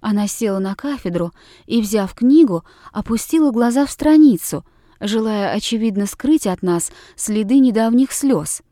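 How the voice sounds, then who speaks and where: Mellow-voiced woman narrating an audiobook. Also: a little high, expressive, moderate pace, dry recording, clean studio sound.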